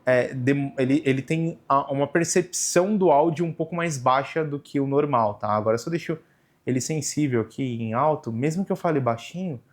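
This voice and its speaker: The host is a young Brazilian man whose mid-range male voice runs a little fast as he explains his camera menu step by step. He keeps it relaxed and casual with plenty of "né" and "tá," and the audio is from a camera mic.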